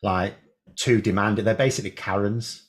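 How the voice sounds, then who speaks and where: A man's voice: fairly low pitch, moderate pace, over a noisy crowd. A man co-hosting a talk show, casually arguing his points in colloquial, discursive conversation. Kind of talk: casual chat.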